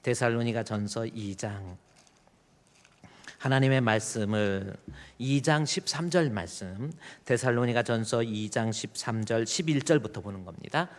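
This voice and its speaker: A man preaching a sermon as pastor. He shifts from quiet asides to loud, emphatic exhortation and acts out a pastor admonishing church members. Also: medium pitch, unhurried, in a large hall. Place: church sanctuary.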